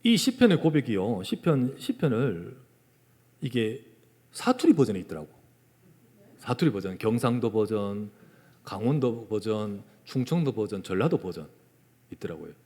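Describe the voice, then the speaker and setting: A male pastor with a Gyeongsang Korean accent preaching a sermon in a church, moving between loud emphasis and hushed whispers. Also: lowish voice, very animated, normal speed, long pauses. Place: church sanctuary. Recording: long church hall reverb.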